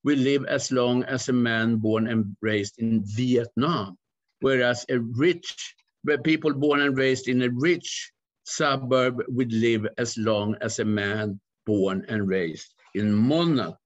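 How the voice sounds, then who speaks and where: A man in his sixties giving a measured academic talk over a video call from his home study. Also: mid-range voice. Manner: measured, slow lecturing with fillers. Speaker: academic presenter. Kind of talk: online conference talk. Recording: muffled video call audio.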